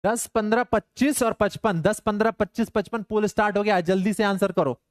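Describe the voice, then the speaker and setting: A man's voice: high-pitched, fairly even intonation, fairly quick, no echo, clean studio sound. A young man teaching physics in a live online class, mixing stern banter with his students into worked problems. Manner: playful, scolding students in banter.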